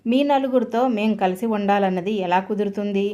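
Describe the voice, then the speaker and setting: A woman's voice: mid-range voice, fairly quick, warm tone, natural voice. Lady reading as an older mom, hurt but firm, earnest scolding, medium voice. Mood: pained, reproachful. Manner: earnest, reproachful. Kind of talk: audiobook story reading.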